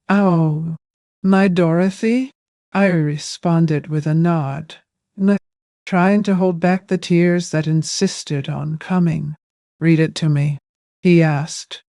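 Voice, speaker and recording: An older woman narrating a first-person story in a slow, hushed, reflective way. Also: fairly low pitch, no room sound, clean studio sound.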